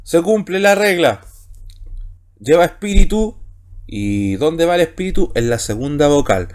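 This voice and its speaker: Male teacher, slightly high voice with lively pitch, patient explainer who slows down on key terms. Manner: explains slowly, stretching key words, with frequent checking tags. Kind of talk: recorded online class lecture.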